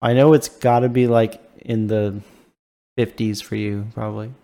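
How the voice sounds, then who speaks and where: A man's voice: fairly low pitch, level tone, moderate pace, creaky, warm tone. A man co-hosting a podcast in casual chat, hesitant and full of filler words. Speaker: podcast co-host.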